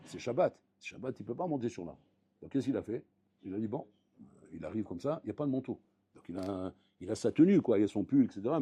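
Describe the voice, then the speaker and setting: A male rabbi teaching a Torah class in a storytelling way, slipping into the voices of the people in his tales and swelling to loud, pressing peaks. His voice is dark and a little husky. The sound is dry and close, with almost no room around it. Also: mid-range voice, dry recording. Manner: lively storytelling, acting out voices, rising to loud emphatic peaks; French mixed with Hebrew terms, repeated address to the audience.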